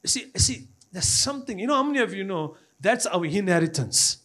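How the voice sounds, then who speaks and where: A Malaysian man with a Malaysian accent preaches an impassioned church sermon, repeating phrases and exhorting the congregation, often addressing them directly. His voice is high and fairly bright, with lively intonation and a slightly fast pace.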